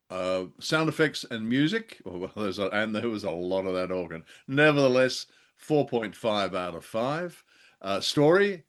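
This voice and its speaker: Effusive and exclamatory, this older co-host of an old-time radio review show keeps things casual, his medium-pitched voice carrying a fairly bright tone.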